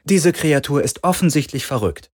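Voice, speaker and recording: A man voicing a sly young female thief with a soft, melodic voice and feigned innocence. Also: on the high side, sing-song, fairly quick, pitched above the performer's own voice. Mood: sly, haughty.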